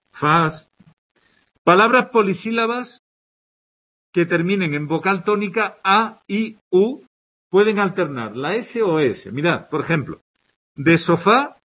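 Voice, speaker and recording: Teaching grammar with a Spanish accent from Spain, a man lists examples and makes sure his students are keeping up. His voice is a little high, breathy and a bit bright, with pitch rising and falling a lot as he explains.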